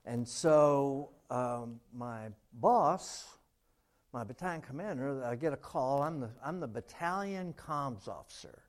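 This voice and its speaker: A man's voice: mid-range voice, animated, takes it slowly. A man and military veteran telling a joke and a story at a forum, in a folksy way with frequent hesitations. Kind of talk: storytelling talk with jokes.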